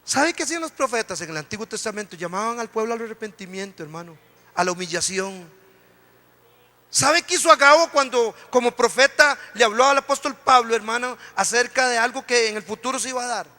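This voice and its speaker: A man's voice: very high-pitched, lively intonation, fairly quick, bright, forceful tone. A man pastor preaching a sermon, impassioned, often calling the congregation "brother". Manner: impassioned preaching, repeated "hermano" address. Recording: long hall reverb.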